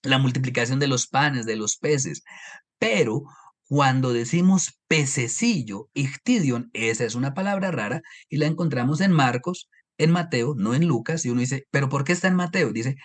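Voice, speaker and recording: A man from Colombia with a highland Colombian accent, giving an online Bible lecture over slides, explaining step by step and asking his listeners rhetorical questions. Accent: Colombian highland Spanish. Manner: explanatory, asks rhetorical questions and checks understanding.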